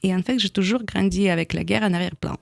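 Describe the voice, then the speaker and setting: A woman in her thirties with a Russian accent, a radio interview guest who speaks thoughtfully, with frequent pauses and small slips. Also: mid-range voice, creaky, no room sound. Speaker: guest, documentary filmmaker. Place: radio studio.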